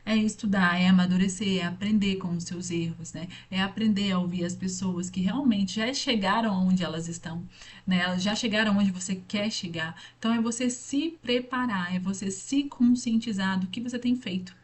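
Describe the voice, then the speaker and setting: A woman's voice: mid-range voice, moderate pace. Earnest woman giving a faith talk. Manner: earnest, repetitive, direct address to listener. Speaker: faith speaker.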